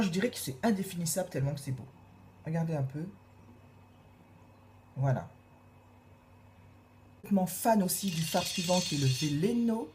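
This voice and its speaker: A beauty vlogger with a low, mellow voice talks through a makeup review, gushing and repeating words of praise amid many hesitations and fillers. A faint background hiss runs beneath her speech.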